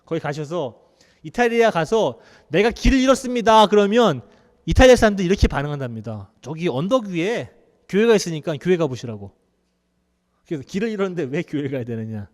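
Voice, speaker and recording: 활기차고 높은 목소리의 남자 목사, 교회 울림. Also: male voice, high-pitched, a little fast, long reverb tail. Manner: conversational, animated storytelling with laughs. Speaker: pastor. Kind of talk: sermon. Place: church sanctuary.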